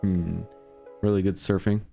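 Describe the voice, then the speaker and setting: A man with a lowish voice, chatting on a podcast in a laid-back way full of surfer slang and quick jokes. Faint music sits behind him. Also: level tone, creaky, warm tone. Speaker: podcast co-host. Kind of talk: casual chat.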